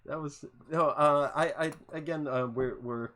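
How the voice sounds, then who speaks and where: Slightly high and a bit slow, with a fairly bright tone, a man hosts a casual interview for his podcast over a video call. He's enthusiastic and keeps stumbling over repeated words.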